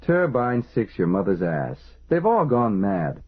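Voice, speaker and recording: A man voicing a furious, gruff male shift chief who curses in a rasping, raised voice. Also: fairly low pitch, wildly swooping pitch, slow, full character voice. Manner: cursing, shouting angrily. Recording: tinny phone-like band.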